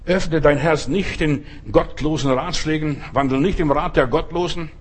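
A middle-aged male preacher giving a fervent sermon, talking straight to the listener and swinging between loud exhortation and quiet asides. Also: fairly high pitch, normal speed. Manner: addresses listener directly as du.

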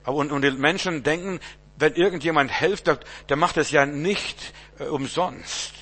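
A man's voice: a little high, unhurried, fairly bright tone, breathy edge. A male pastor, around his fifties, giving an informal sermon in a conversational way, with rhetorical asides and stammered repeated words.

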